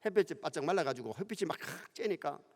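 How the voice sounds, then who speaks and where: This man's voice sits fairly high and moves fast as he delivers a lively, story-driven sermon. He is a middle-aged pastor with a Gyeongsang Korean accent, heard in a church sanctuary with long hall reverb.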